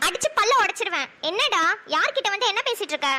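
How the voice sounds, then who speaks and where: Sharp-tongued young woman, very high and bright. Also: sing-song, quick pace. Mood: angry. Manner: scolding, fierce. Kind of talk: cartoon voice acting.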